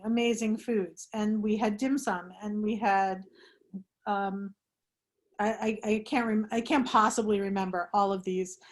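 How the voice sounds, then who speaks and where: A woman hosts an online group discussion over a video call. Her voice sits a little high. She talks in a rambling, animated way and often restarts her sentences. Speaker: discussion host. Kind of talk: casual talk to an online group.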